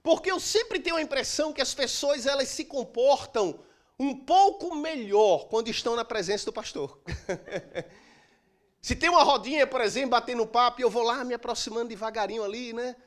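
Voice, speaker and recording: A middle-aged man preaching a sermon as pastor, emphatic, with dramatic pauses and swings from loud to soft. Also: extremely high pitch. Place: church.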